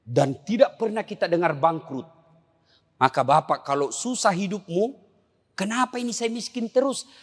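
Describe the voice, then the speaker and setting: A middle-aged man with a South Sulawesi accent preaching a comic sermon, animated and joking, swinging between high and low registers. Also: moderate pace. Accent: South Sulawesi (Makassar) Indonesian. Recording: long hall reverb.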